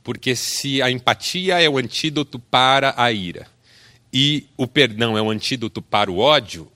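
A male pastor preaching a sermon, telling stories and acting out scenes, building to loud bursts. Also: lowish voice, no echo.

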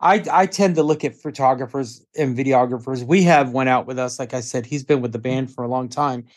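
A man hosting a podcast, chatting in a relaxed, friendly way with plenty of "you know"s. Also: mid-range voice, brisk. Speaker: podcast host. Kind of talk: casual podcast chat.

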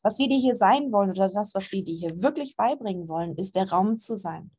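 A woman's voice: medium pitch, lively intonation, a little fast, dark tone, breathy edge. A woman giving a casual, earnest talk as a spiritual course teacher, reassuring listeners and dropping frequent "ja" fillers.

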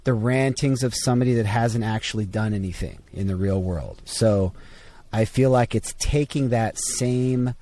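A man's voice: on the low side, normal speed, mellow. A man in a casual tech discussion, starting sentences over with stammered restarts and fillers.

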